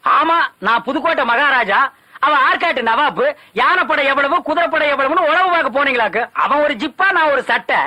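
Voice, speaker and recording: An actor playing a boastful former village president who mocks and teases in film comedy dialogue. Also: male voice, very high voice, brisk, bright, forceful tone, heavily acted. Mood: mocking. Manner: mocking, sarcastic banter.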